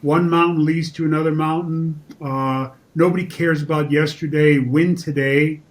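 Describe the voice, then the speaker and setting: Man in his sixties, higher voice, emphatic storyteller. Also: steady tone, moderate pace. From Northeastern US. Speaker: guest, former football player. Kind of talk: storytelling in casual chat.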